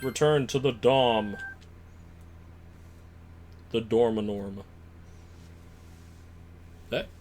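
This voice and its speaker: Joking man streaming a game, slow talker. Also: mid-range voice, darkish tone, a little hiss or hum. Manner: joking, laughs often. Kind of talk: casual gameplay chat.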